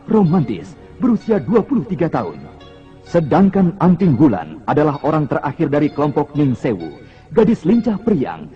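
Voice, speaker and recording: A man delivers scripted narration like an old radio serial announcer, theatrical and rhetorical. His fairly high voice moves with lively inflection over music, on a dull vintage recording.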